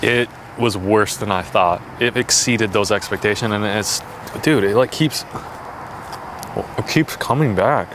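A man's voice: fairly low pitch, normal speed. A young man chatting casually and swearing as he complains about his mouth burning from spicy food, recorded outdoors. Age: young adult. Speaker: challenge vlogger. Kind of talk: casual banter with profanity. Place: outdoors on a backyard wooden deck. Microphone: camera a few steps away. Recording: noisy outdoor recording, some traffic ambience.

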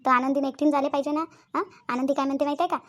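A woman's voice: high voice, flat delivery, rapid-fire, natural voice. A woman with a Vidarbha Marathi accent voicing a gossipy, meddling aunt in a cartoon, prying and egging others on. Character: meddling gossipy aunt who stirs up trouble. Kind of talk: cartoon voice acting.

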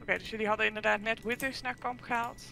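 A woman's voice: on the high side, steady tone, quick pace, gravelly, pushed and bright, a little hiss or hum. A woman chatting casually while playing a game with friends, explaining things in a chatty way. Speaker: gamer. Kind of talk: casual gameplay chat.

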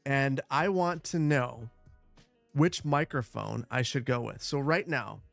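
Boomy-voiced man chatting on a livestream. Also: slow pace, vocal fry, a bit bright, no room sound, soft background music. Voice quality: boomy, bass-heavy sound on the mic. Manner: chatty, repeats short phrases. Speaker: livestream host, gamer. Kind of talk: casual livestream chat while gaming. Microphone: close broadcast dynamic microphone.

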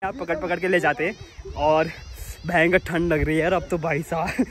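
A man's voice: a little high, normal speed. A man from Uttarakhand, chatting and teasing in a casual outdoor village vlog. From Uttarakhand, India. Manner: playful, teasing, loud bursts of excitement. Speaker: vlogger. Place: outdoor village rice fields. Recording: outdoor field with crowd noise.

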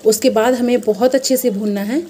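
A woman walks viewers through a recipe at her stove in a friendly, chatty way, calling them friend as she explains each step. Her voice is mellow and warm rather than bright. A faint sizzle of frying is heard under her words. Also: fairly high pitch, steady tone, brisk, slight background noise. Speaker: cooking channel host. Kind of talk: casual cooking demonstration. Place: home kitchen at the stove. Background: frying and sizzling from the pan.

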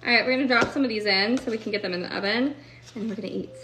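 A woman's voice: a little high, racing, pushed and bright, slight background noise. A woman chatting casually on a live stream while cooking at home, upbeat and full of "like" and "um". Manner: chatty, upbeat, lots of fillers like "like" and "um". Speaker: food content creator.

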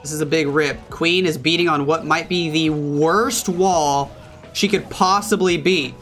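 A man casting a competitive mobile strategy match as solo play-by-play commentary, reacting quickly and excitably. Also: a little high, soft background music. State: hiccups. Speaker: esports caster.

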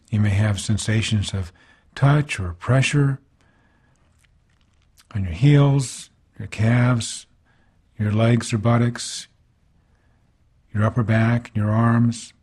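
A meditation teacher leads a body scan calmly, in gentle, unhurried phrases with pauses between them. His voice is mid-range and slightly rough.

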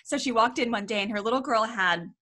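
A woman's voice: on the high side, quick pace, sharp tone. A woman family life coach speaking in an interview, enthusiastic and telling long flowing stories. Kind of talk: interview conversation.

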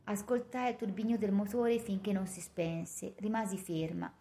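A woman narrating a novel in the first person with a measured, expressive reading. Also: mid-range voice. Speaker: audiobook narrator. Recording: roomy echo.

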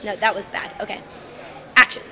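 A young woman in her twenties, an actress filming behind the scenes, chatting playfully and teasingly. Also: brisk. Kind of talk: casual on-set chat. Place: busy film set indoors. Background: crowd of crew chatter.

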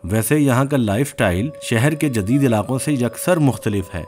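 A man in his thirties giving scripted, measured documentary narration as a vlog host. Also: medium pitch, expressive, a little mellow.

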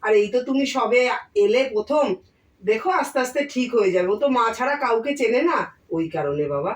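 A woman's voice: a little high, expressive, fairly quick, natural voice. A woman playing a doting mother-in-law who protects her simple son in a comic sketch. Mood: soothing. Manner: soothing, then loudly scolding. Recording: roomy, distant mic.

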